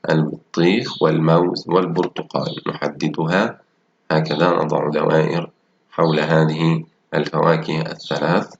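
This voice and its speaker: A man teaching a primary school Arabic lesson, reading example words slowly and praising his pupils as he goes through textbook exercises. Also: very deep voice, flat delivery, gravelly, highs cut off, a little hiss or hum. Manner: slow, drawn-out reading of example words and sentences.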